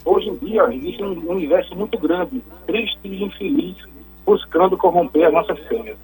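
A man calling in to a radio show to explain technology topics, heard over a phone line, speaking in a measured, explanatory way with frequent restarts. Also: high-pitched, lively intonation, darkish tone, breathy edge, faint music behind.

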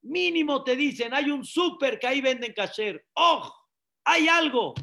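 A rabbi preaching a sermon, repeating phrases and asking the listeners questions. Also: male voice, extremely high pitch, animated, moderate pace, creaky, bright, forceful tone. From Mexico. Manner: preaching with repetitions and rhetorical questions.

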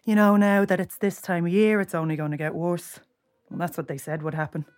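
A woman's voice: lowish voice, a little fast, darkish tone, soft background music, natural voice. A woman with an Irish accent playing a busy, blunt young care worker in a naturalistic audio drama. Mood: brisk, harried.

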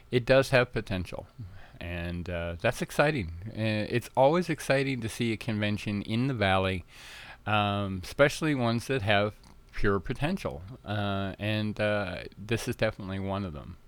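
A man's voice: on the low side, a bit bright, clear, resonant tone, no room sound. A man hosting a podcast, chatting casually in a rambling way, full of fillers and restarts, a bit tongue-tied early in the morning. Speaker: podcast host.

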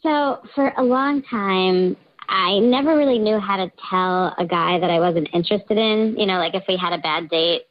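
A woman's voice: mid-range voice, normal speed, highs cut off. Nervous woman caller through a voice changer. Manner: nervous, giggly, hesitant.

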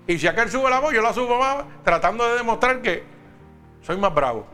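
A man's voice: very high-pitched, lively intonation, brisk, bright, forceful tone, soft background music. A man preaching a sermon, talking straight to the congregation with emphatic questions.

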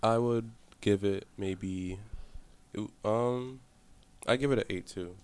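A man's voice: fairly low pitch, slow, a little mellow, clear, resonant tone. A young man hosting a casual chat, asking questions and retelling stories with energy. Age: young adult.

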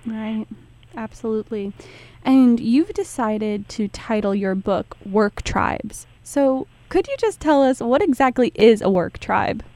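A woman's voice: on the high side, measured pace, dark tone, no echo. A young adult woman co-hosting a radio interview in a conversational style. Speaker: radio co-host working in human resources. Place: radio studio.

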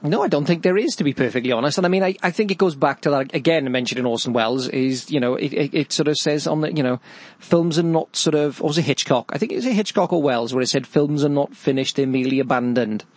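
A man's voice: fairly high pitch, fast talker, dry recording. A man hosting a podcast, chatting casually about films in a rambling, jokey way with many restarts. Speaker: podcast host. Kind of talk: casual film chat.

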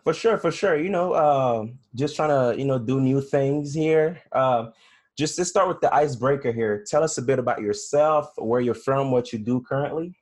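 A man's voice: mid-range voice, normal speed, darkish tone. A man, hosting a casual interview in an informal, buddy-to-buddy way. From Togo. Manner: informal, peppered with "you know" and "bro". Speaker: podcast host.

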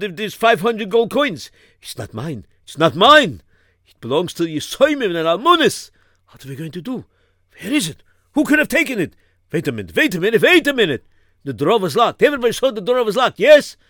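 A man's voice: fairly low pitch, no echo, clean studio sound, natural voice. A man voicing a fussy, easily alarmed rabbi who mixes Yiddish phrases into his talk and repeats himself when worried.

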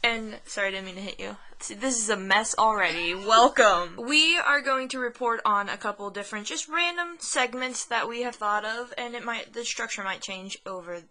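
Bright-voiced young woman chatting casually. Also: fairly high pitch, normal speed, hardly any pauses. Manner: rambling, self-deprecating, laughs often. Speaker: podcast co-host. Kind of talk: casual chat.

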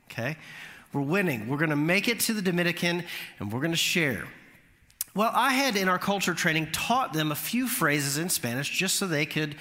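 Bright-voiced male pastor telling a story. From Florida. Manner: animated storytelling, voice climbing high at punchlines. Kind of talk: sermon storytelling. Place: church sanctuary. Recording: long hall reverb.

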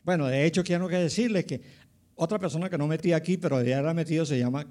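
A man's voice: fairly high pitch, quick pace, darkish tone. A man in his nineties from Colombia, a pastor telling his life story in a rambling way with many fillers and asides to his listeners. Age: 90s. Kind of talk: personal testimony, casual storytelling.

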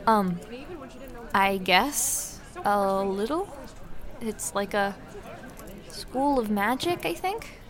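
A woman's voice: mid-range voice, animated, extremely slow, long pauses, fairly bright tone, some chatter behind. A woman playing an awkward, earnest young barmaid in a fantasy audio drama, musing hesitantly. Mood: unsure. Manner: hesitant, musing, self-doubting. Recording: roomy echo, faint background noise.

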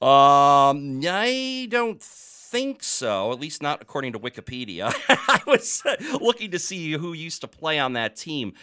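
Bright, smooth-voiced chatty male host. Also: fairly high pitch, big pitch swings, normal speed, hardly any pauses, no echo, studio quality. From New England. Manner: chatty, hesitant with many fillers. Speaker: sports talk podcast host. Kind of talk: casual sports chat.

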